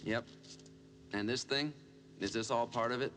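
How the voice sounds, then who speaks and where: An actor playing a chatty, folksy older caretaker, heard in a noisy film soundtrack. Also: male voice, medium pitch, steady tone, normal speed, fairly bright tone, natural voice. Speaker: building caretaker.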